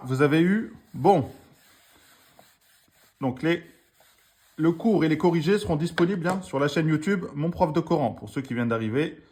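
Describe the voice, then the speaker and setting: A man's voice: fairly high pitch, a little mellow. A man teaching Quran reading in during a live online lesson, patiently sounding out syllables again and again.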